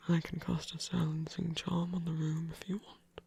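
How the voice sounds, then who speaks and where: A man voicing a gentle trickster god in an ASMR roleplay, whispering slowly and soothingly in a breathy, creaky voice with refined, hesitant phrasing. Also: fairly high pitch, flat delivery, heavily acted. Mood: tender, reassuring. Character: Loki, gentle male trickster god comforting someone.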